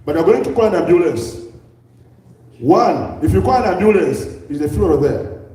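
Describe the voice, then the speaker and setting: A man with a Ugandan accent addresses an audience in a large, echoing hall, heard from well back from the microphone. His voice sits high but sounds mellow, and he presses the room with question after rhetorical question. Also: expressive, moderate pace. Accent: Ugandan English. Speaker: public health speaker. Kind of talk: lecture to a live audience. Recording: echoey hall, distant mic.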